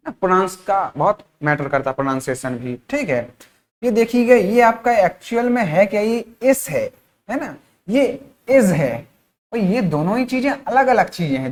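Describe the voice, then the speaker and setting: Man, from India, teacher, spoken-English lesson, slow word drills, asks and answers own questions, frequent check-ins. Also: sits high. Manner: repeats words slowly, asks and answers his own questions; frequent checking-in tag phrases.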